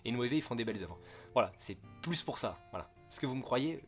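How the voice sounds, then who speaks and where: A man's voice: mid-range voice, animated, fairly quick. Young male vlogger from France, casual rambling manga review with crude jokes, faint background music. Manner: rambling, joking, self-correcting, crude slang. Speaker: manga youtuber.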